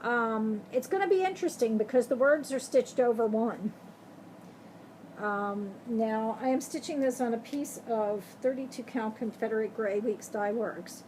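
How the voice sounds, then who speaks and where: A woman's voice: on the high side, unhurried, a little mellow, a little hiss or hum, low-quality recording. A middle-aged woman chatting casually on camera about her cross-stitch projects, rambling and often correcting herself mid-sentence. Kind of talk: casual show-and-tell chat.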